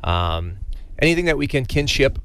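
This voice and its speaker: A man giving a casual radio interview as a business owner, in a halting, informal way. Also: mid-range voice, big pitch swings, fairly bright tone, smooth.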